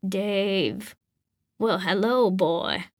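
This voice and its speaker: A woman reading an audiobook, voicing a gruff, suspicious old grandfather with folksy, drawling speech. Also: medium pitch, extremely slow, dry recording, studio quality. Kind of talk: audiobook character voice.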